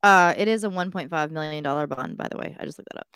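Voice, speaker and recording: A woman co-hosts a casual podcast and talks through case updates in a chatty way. Her voice sits on the low side. The sound is dry and close. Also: quick pace, a bit bright, clear, resonant tone, no echo. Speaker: podcast co-host. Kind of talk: casual livestream chat.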